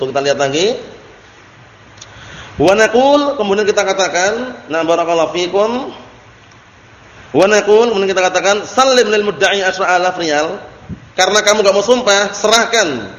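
Indonesian-accented male religious teacher, high voice, recorded in a long-reverb hall, casual explaining style. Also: a bit bright. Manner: reads Arabic text then explains in casual Indonesian, asks "paham?"; acts out example disputes in short dialogues. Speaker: Islamic teacher. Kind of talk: religious study lecture.

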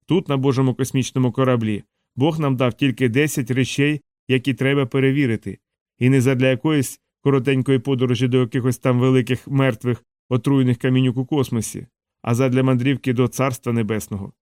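A man's voice: medium pitch, darkish tone, no room sound, natural voice. A man voicing a folksy revivalist preacher who addresses a crowd with rhetorical questions in a dry, close audiobook recording.

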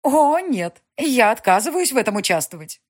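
Lady playing a bossy old-world countess mom, husky, pitched up, all over the place, audiobook. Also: big pitch swings, a little fast. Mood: indignant. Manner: scolding, shrill and overbearing. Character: imperious aristocratic middle-aged countess mother.

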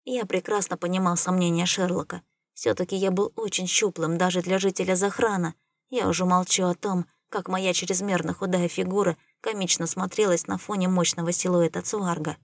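A woman reading first-person audiobook narration in a wry, measured way. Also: lowish voice, flat delivery, no echo, studio quality.

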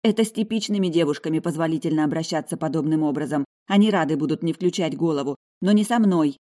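A woman voicing a feisty young noblewoman who turns loud, shrill and bossy when provoked. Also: fast talker, lightly acted. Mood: indignant.

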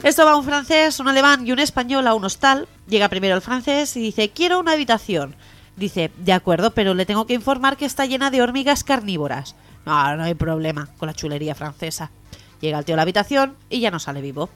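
A woman co-hosting a radio comedy show, telling jokes in a lively, playful way. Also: fairly high pitch, fast talker, faint music behind.

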